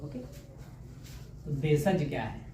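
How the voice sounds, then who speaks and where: A man's voice: a little high, animated, slow pace, dark tone, echoey room, a little hiss or hum. A man teaching a grammar lesson for exam preparation. He keeps asking questions and repeating the answers, with homely jokes along the way. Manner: joking, homely teacher talk.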